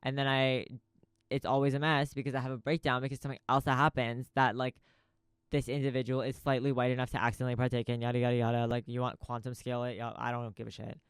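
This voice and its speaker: Smooth-voiced man rambling on a podcast. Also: mid-range voice, little pitch movement, fast talker, no echo, studio quality. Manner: rambling, profane, stream-of-consciousness info dump. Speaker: podcast host. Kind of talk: casual rambling monologue. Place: small library recording studio.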